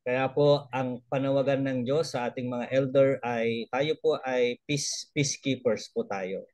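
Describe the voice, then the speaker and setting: A man's voice: medium pitch, fairly even intonation, unhurried, darkish tone, no echo. Chuckling man on a video call. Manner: mixes English into his talk, chuckles often, restarts phrases. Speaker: elder trainee sharing a report. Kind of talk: casual talk in a video call.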